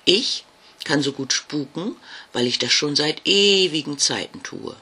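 A man voicing a big, grumpy old ghost who guards his castle, speaking loudly and with drawn-out words. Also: a little high, animated, slightly rough, full character voice. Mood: stern. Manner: loud, shouting and drawn out.

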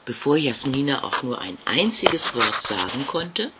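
A man reading a German children's bedtime story aloud, slow and expressive. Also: mid-range voice, heavy background noise.

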